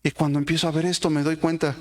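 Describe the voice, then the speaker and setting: High-voiced man preaching a sermon. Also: little pitch movement, quick pace. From Mexico. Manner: preaching with rhetorical questions to the congregation.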